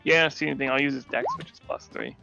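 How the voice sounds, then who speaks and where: A young man with a gravelly edge to his voice, playing a tabletop game with friends on a voice call. He talks earnestly, checking rules and adding up rolls. Faint music plays in the background. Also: medium pitch, sing-song, very fast, bright, forceful tone, lo-fi sound. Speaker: player. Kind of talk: casual chat while playing a tabletop game.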